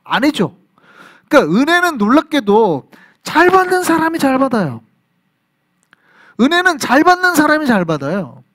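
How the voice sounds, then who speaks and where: A man from South Korea, a pastor preaching an animated sermon at a Friday prayer service in church. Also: very high voice, moderate pace, pauses often. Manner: animated preaching, acts out voices and reactions. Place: church sanctuary.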